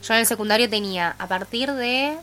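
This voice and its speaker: A young woman in her twenties with a Rioplatense Argentine accent, chatting in a lively, animated way. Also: on the high side, brisk, faint music behind. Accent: Rioplatense Spanish. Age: 20s. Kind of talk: casual chat.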